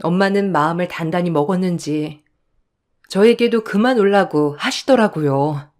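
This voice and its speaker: A woman's voice: fairly low pitch, normal speed, a little mellow. Woman narrating a first-person radio story. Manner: plaintive, emotional in scenes. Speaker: narrator and heroine.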